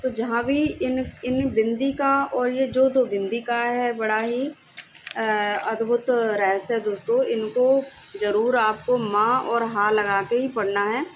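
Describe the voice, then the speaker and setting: A woman hosting a devotional video, explaining how to read scripture and slowly reciting its verses. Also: on the high side, fairly even intonation. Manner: slow, careful recitation of verses. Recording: dull lo-fi home recording with faint noise.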